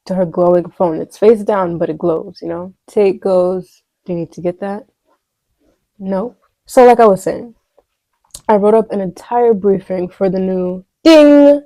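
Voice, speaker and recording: A woman's voice: mid-range voice, warm tone, no echo, rough recording. A woman vlogging casually as she writes a screenplay, rambling and chatty and talking to herself as she works out each scene. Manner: rambling, chatty, talks to herself, voices sound effects. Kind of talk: casual think-aloud screenwriting vlog.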